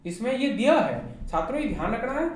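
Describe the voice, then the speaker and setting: A Hindi-accented woman teacher delivers an online lecture in a fairly high, sing-song voice at a fairly quick pace. She explains things step by step and throws rhetorical questions at her students, in a very echoey room with faint noise.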